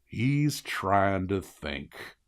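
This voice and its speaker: A man voicing a mocking, cigar-smoking Satan in an audiobook, with a slow, drawn-out, folksy delivery. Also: low-pitched, big pitch swings, voice pushed down, full character voice. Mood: dry, serious.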